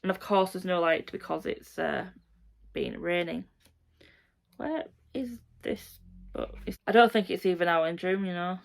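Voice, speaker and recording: A young woman with a croaky, gravelly edge to her lowish voice chats through a reading update at home. She rambles and corrects herself as she goes, in a relaxed vlog manner. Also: moderate pace. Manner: rambling, self-correcting chat. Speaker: reading vlogger. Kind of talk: casual reading update to camera.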